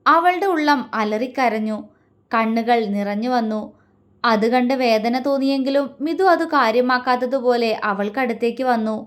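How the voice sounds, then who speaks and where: Soft-voiced woman reading a love story. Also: on the high side, normal speed. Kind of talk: scripted story narration.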